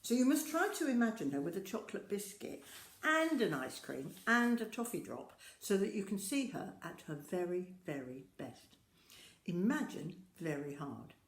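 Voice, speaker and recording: An older woman with a lowish voice reads a children's storybook aloud, her voice rising and falling in a very animated way. She speaks deliberately and expressively, addressing the young listeners directly. The recording has a roomy, echoing, home-style sound.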